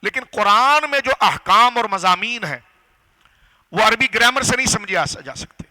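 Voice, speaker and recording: A man preaching a religious lecture to a gathering, teaching step by step, asking the audience questions and slowing down on key phrases. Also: high-pitched, expressive, pushed and bright, low-quality recording. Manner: didactic, rhetorical questions to audience. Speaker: Islamic scholar and preacher. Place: gathering hall.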